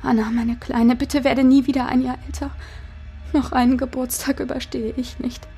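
A woman's voice: sits high, little pitch movement, moderate pace, mellow, husky, faint music behind, voice pushed up, heavily acted. A woman voicing a desperate young mother who pleads and urges herself on in a breathless, half-whispered voice. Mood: pleading. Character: desperate young mother fighting for her child.

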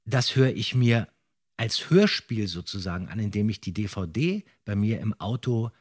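A man's voice: lowish voice, husky. A man, a former radio-play voice actor, reminiscing as a guest in a casual chat and sometimes acting out other speakers' lines.

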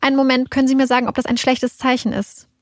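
A woman's voice: high-pitched, little pitch movement, fast talker, no echo, clean studio sound, pitched above the performer's own voice, natural voice. A woman voicing a panicked young woman who pleads and frets on an emergency call, frantic and breathless. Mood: anxious.

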